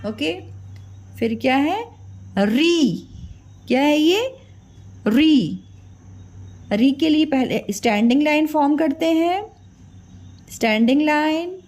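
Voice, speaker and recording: A woman's voice: high voice, animated, slow, long pauses, a little mellow. A woman teacher giving a children's alphabet lesson, patiently repeating each sound and quizzing the children. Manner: mixes English drawing words into her talk. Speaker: Hindi teacher.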